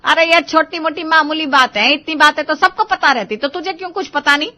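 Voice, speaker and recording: A woman voicing a quick-tempered older mother-in-law in a cartoon story, sharp and scolding. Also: mid-range voice, lively intonation.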